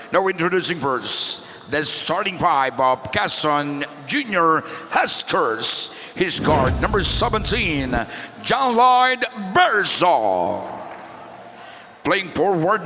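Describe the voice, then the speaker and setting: A man's voice: high-pitched, bright, forceful tone, a little hiss or hum. A man with a Filipino accent announcing starting lineups over a hall sound system, drawing out each name. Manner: slow, drawn-out announcing of names. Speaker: game announcer. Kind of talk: arena player introductions. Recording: hall reverb of an indoor arena.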